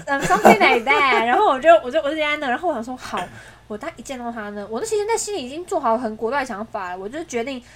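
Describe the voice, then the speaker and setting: A woman podcast co-host, telling a story in casual chat with dramatic, animated delivery. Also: high voice, rapid-fire, hardly any pauses, crowd noise.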